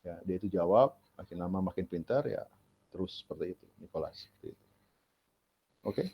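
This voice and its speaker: A man's voice: low-pitched, a little fast, creaky, slight background noise. A male lecturer, giving a casual, chatty classroom lecture and asking rhetorical questions as he explains. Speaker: university lecturer. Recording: dull lo-fi classroom recording.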